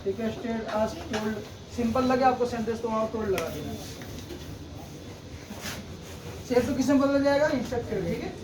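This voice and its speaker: A man with an extremely high-pitched voice talks fairly quickly but leaves long pauses. He's giving a classroom-style grammar lesson, explaining step by step and repeating "theek hai" after nearly every point. Expect background noise, echo, and a distant mic.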